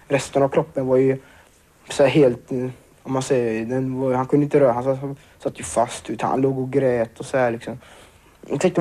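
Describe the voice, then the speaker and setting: A teenage boy giving a halting personal account, full of fillers and restarts. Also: a little high, dark tone. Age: teens. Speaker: survivor interviewee.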